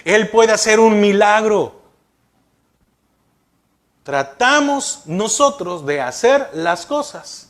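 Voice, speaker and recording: A man's voice: high voice, expressive, slow pace, pauses often, a bit bright. A male pastor preaching a sermon, asking the congregation rhetorical questions.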